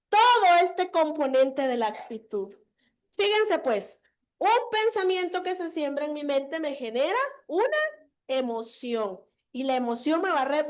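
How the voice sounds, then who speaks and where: Woman, Guatemalan accent, high voice, lively storytelling talk, confiding. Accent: Guatemalan Spanish. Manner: animated, confiding, audience tag questions. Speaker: conference speaker. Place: conference hall.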